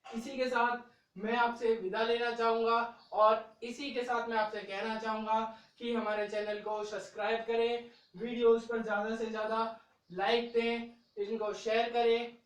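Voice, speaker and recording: A man's voice: extremely high pitch, little pitch movement, measured pace, a bit bright, far from the mic. A man teaching an English grammar lesson in a patient, repetitive classroom manner, often adding little check-ins. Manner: patient, repetitive, ends phrases with "okay" and "brother". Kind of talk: classroom-style video lesson. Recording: very echoey room, voice from off mic.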